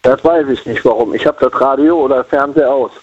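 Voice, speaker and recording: A man's voice: mid-range voice, brisk, darkish tone. A man from Cologne calling in to a radio show over the phone, chatting casually and rambling while he repeats himself. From Cologne, Germany. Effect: heard over the phone. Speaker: radio call-in caller. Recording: dull lo-fi phone line.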